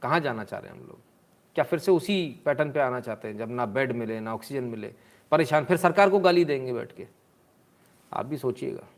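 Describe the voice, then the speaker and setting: Sarcastic man with a gravelly voice. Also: medium pitch, lively intonation, a little fast. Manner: sarcastic, mocking, scolding. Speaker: live-stream commentator. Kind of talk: live stream commentary while reading viewer comments.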